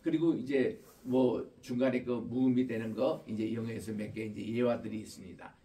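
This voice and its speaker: A man's voice: mid-range voice, fairly even intonation, moderate pace, dark tone, recorded from a distance. Man preaching casually, posing questions to the congregation, heard from off-mic. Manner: conversational, explaining with questions and quoted children. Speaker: pastor. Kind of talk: Christmas sermon.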